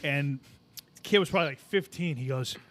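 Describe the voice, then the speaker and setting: A man telling stories in a casual podcast chat, animated and swearing often, acting out what other people said. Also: on the high side, brisk. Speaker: podcast co-host.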